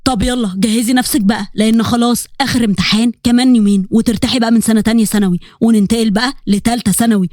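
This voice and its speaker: A woman voicing a gentle, reassuring young man with an Egyptian accent. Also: on the high side, fairly even intonation, racing, hardly any pauses, dry recording, clean studio sound, pitched below the performer's own voice, close to an everyday voice. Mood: tender. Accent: Egyptian Arabic. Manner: soothing, reassuring.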